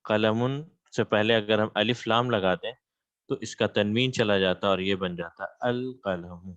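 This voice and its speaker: Low-voiced man teaching an online class. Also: steady tone, fairly bright tone, clear, resonant tone, dry recording, muffled recording. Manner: patient, repeats terms and checks in with "okay". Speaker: Arabic teacher. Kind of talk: online class lecture with screen share. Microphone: computer mic on a video call.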